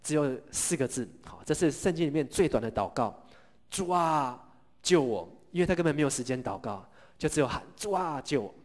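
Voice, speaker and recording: Pastor, lively storytelling sermon. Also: male voice, a little high, a little fast. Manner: lively storytelling, asks the congregation questions and leads them in repeating lines.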